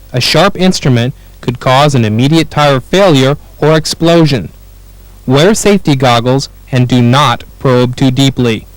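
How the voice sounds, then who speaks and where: A man with an American accent reads scripted instructional narration for a training film, clear and measured. His voice sits at medium pitch, and the recording is rough, with no room sound.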